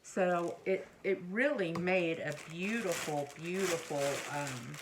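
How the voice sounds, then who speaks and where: A middle-aged crochet vlogger casually rambles through a show-and-tell of her things to camera, speaking hesitantly and often trailing off or correcting herself. Her voice is fairly low and slow. Faint background noise and the occasional chair creak can be heard.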